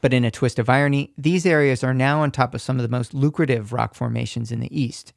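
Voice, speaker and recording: A man narrating a scripted radio feature report in a measured, descriptive way. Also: mid-range voice, fairly even intonation, gravelly, no echo, studio quality.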